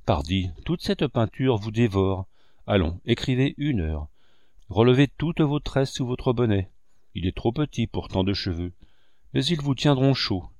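A man's voice: mid-range voice, expressive, a little slow, darkish tone, no echo, clean studio sound, natural voice. A man reading a bustling, motherly old woman servant in an audiobook, chatty and kindly scolding. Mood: fussing.

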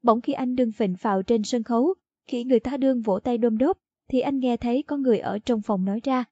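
A woman reading a short story aloud in a steady storytelling narration. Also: fairly high pitch, brisk, breathy edge, dry recording. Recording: dull lo-fi dry audio.

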